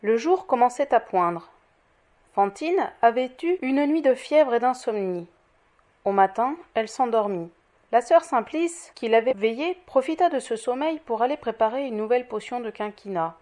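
A woman narrating a classic novel in a measured, expressive audiobook reading. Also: on the high side. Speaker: audiobook reader. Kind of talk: scripted narration.

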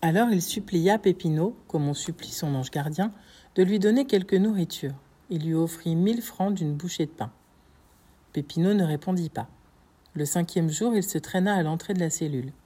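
A woman narrating a classic novel excerpt in a measured, expressive reading. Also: fairly low pitch, husky. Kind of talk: literary audiobook narration.

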